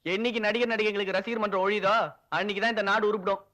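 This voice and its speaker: An actor playing a preachy bystander man who lectures in a flat, scolding tone in a film comedy. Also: sits high, fast talker.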